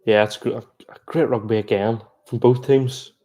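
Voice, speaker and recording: A man giving chatty, excitable live reaction commentary on a rugby match, breaking into exclamations. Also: mid-range voice, moderate pace. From Ireland. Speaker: sports reaction streamer.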